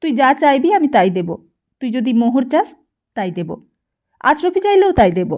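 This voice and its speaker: A woman's voice: sits high, very animated, moderate pace, a little mellow, pitched above the performer's own voice. Woman voicing a desperate pleading captive man. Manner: pleading, urgent.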